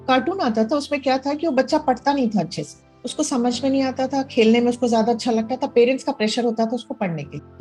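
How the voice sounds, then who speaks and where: A woman's voice: sits high, breathy edge. A middle-aged woman counselor explaining child development to parents in an earnest manner, often asking the listener rhetorical questions.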